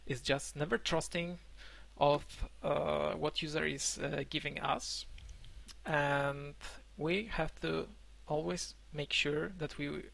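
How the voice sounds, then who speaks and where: A young man whose first language is Polish gives an online conference talk from a room at home, pausing often with fillers and restarts over a webcam microphone. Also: a little high, steady tone, gravelly, fairly bright tone. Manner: halting, many fillers and restarts. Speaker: conference speaker. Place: indoor room, remote talk.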